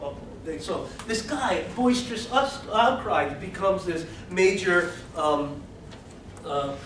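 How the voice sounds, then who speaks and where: A man lectures to an audience in a halting way, stopping often on fillers and restarts. His voice sits high, and the room is very echoey. He is heard from a distance, with faint noise behind. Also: lively intonation. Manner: hesitant, many fillers and restarts. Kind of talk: academic lecture. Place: lecture hall. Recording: echoey hall from far off.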